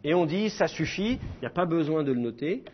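A man's voice: fairly high pitch, animated, fairly quick, highs cut off, a little hiss or hum. A middle-aged man teaching a class, explaining with demonstrated sounds and self-mocking humor. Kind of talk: classroom lecture.

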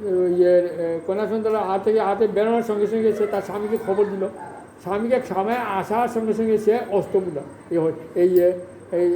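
A man telling a devotional story in a halting way, filling pauses and searching for words. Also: sits high, mellow, reverberant, a little hiss or hum, rough recording.

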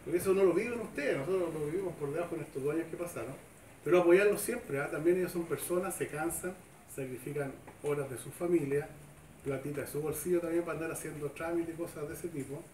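A middle-aged man with a Chilean accent, speaking at a club ceremony in a folksy, chatty way and pausing for nods of agreement. His slightly raised voice rings through a roomy covered shed. He is heard from a distant camera, with steady background noise. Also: on the high side. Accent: Chilean Spanish. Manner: chatty, folksy, seeking agreement with tag questions. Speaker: government official giving a speech. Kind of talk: informal public speech. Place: open-sided covered sports shed, semi-outdoors. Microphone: far camera, no microphone.

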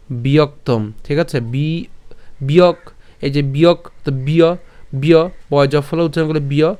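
A man's voice: fairly high pitch, darkish tone, smooth. Patient man teaching verse pronunciation. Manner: patient, step-by-step, asks and answers his own questions; slow drawn-out chanting of verses. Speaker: Gita recitation teacher. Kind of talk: pronunciation lesson.

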